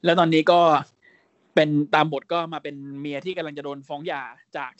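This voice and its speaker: A man in his thirties rattles along at a rapid clip as he co-hosts a laid-back podcast. He's brash and animated, swears without a second thought and tosses in quick mocking impressions, all captured close and dry with no room sound. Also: fairly high pitch, dry recording, highs cut off. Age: 30s. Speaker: podcast co-host. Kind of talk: casual podcast chat.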